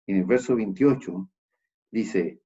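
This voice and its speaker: A low, husky male voice with a Chilean accent delivers a sermon from a church. He explains the passage in an explanatory tone and keeps checking in with the congregation. The recording sounds dull and lo-fi. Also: unhurried, dark tone. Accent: Chilean Spanish. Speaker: pastor.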